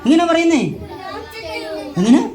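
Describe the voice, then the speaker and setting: A woman's voice: very high-pitched, measured pace. A woman hosting a children's program, asking teasing questions and laughing as she talks. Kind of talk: playful stage talk with children. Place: large indoor hall. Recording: echoey hall, far from mic, crowd. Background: audience chatter and noise.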